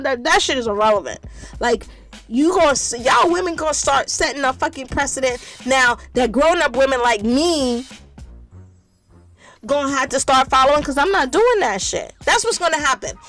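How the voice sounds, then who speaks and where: A woman with a fairly high voice holds forth alone on her podcast in a loose, unscripted rant. She is blunt and profane, hammering her points by saying them again and again. Soft music plays faintly underneath. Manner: blunt, profane, emphatic, repeats points for effect. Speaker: podcast host. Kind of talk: casual monologue rant.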